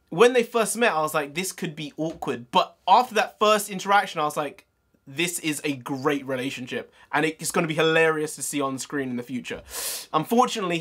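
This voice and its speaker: Bright, forceful male film reviewer. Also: fairly high pitch. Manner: blunt, informal, sweary. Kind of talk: casual opinionated review to camera.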